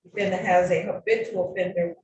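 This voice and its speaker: A court clerk reads out case details in a flat, official cadence. The courtroom recording is roomy and echoey. There is clear background noise behind the voice. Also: medium pitch, fairly quick, recorded from a distance, lo-fi sound. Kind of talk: formal case call.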